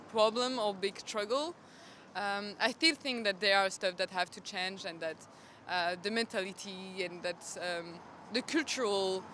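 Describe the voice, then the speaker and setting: A woman's voice: mid-range voice, sharp tone, a little hiss or hum. A young woman from Belgium answering a street interview outdoors, hesitant and full of fillers.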